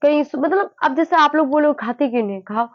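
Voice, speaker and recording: A woman in her early twenties sharing her grief in a personal vlog. She sounds weary and low, halts often, and repeats herself. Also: dry recording. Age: early 20s. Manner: halting, repeats herself, many fillers. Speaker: vlogger. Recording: dull lo-fi dry sound.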